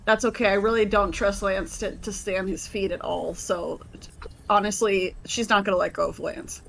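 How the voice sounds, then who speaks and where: A woman's voice: mid-range voice, fairly even intonation, normal speed, creaky, a bit bright, a little hiss or hum, rough recording. Hesitant woman playing a tabletop game. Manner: hesitant with many uhs, laughs often. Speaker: player.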